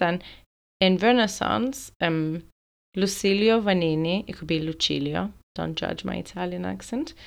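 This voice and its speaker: Woman, podcast host, solo monologue: lowish, clean voice, thoughtful and explanatory, a casual filler-heavy delivery. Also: gravelly.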